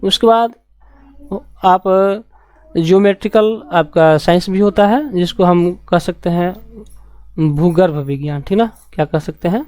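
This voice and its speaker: Woman teacher going over science basics, lowish mellow voice, dry close sound, keeps repeating words and asking questions. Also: dry recording. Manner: repeats key terms slowly, asks rhetorical questions. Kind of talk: classroom lecture.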